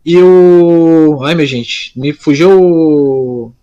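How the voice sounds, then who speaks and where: A man from São Paulo, Brazil, co-hosts a casual live podcast, answering listeners in an informal, rambling manner and often cutting himself off mid-thought. His warm voice is on the high side, with drawn-out words, and the audio sounds dull.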